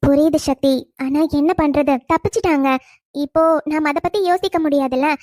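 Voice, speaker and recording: A woman voicing a gentle, cheerful young wife who reassures her worried police husband and teases him lightly. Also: sits high, normal speed, no room sound, clean studio sound, natural voice. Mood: calm. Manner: gentle, soothing, teasing. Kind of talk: cartoon storytelling narration.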